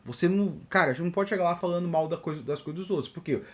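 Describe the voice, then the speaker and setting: A Brazilian man, a software engineer and channel host, tells work stories in a casual monologue and often adds a quick "né?". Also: fairly high pitch. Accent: Brazilian Portuguese. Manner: animated, peppers talk with "né?".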